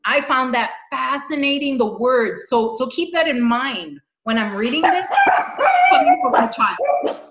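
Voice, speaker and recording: A middle-aged woman with a high, very animated voice speaks at a measured pace as co-host of a spiritual podcast. She's earnest in the casual spiritual chat and often repeats her words. The audio is very noisy, echoey, dull and lo-fi.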